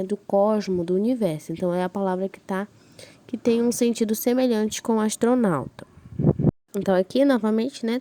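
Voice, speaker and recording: A woman's voice: medium pitch, dark tone, dry recording. A woman with a northern Brazilian accent, a primary school teacher giving a recorded class lesson, explaining step by step and checking in with her pupils after each point. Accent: northern Brazilian Portuguese.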